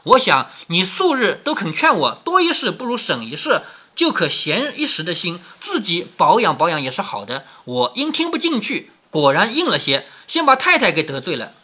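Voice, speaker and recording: Tired resigned noblewoman, read by a man, sharp tongue, complaining, husky. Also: high voice, huge pitch swings, normal speed, hardly any pauses, exaggerated voice. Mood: weary. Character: sharp-tongued young noblewoman managing a household.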